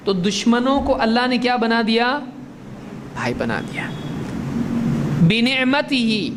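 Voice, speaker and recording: A man giving a religious lesson. He asks his listeners questions, answers them himself, and recites Arabic verses slowly. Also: high-pitched, noisy background. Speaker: Islamic religious teacher. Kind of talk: religious lecture.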